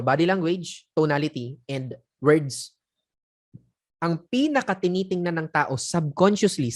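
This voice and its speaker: A man coaching online sellers in a casual teaching talk. He speaks conversationally, chuckles often and drops in acted example phrases. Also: fairly high pitch. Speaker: sales coach.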